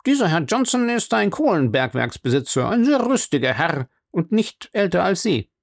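Man voicing a fussy hotel clerk, obliging, high voice, lively lilt. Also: normal speed, creaky, dry recording, clean studio sound, full character voice. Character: polite hotel desk clerk.

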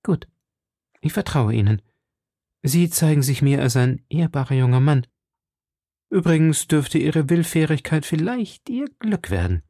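A man's voice: a little high, big pitch swings, a little slow, pauses often, dark tone, no echo, studio quality, voice pushed up, heavily acted. Madame Bonacieux, a man doing an anxious young woman. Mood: earnest. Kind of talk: audiobook character voice.

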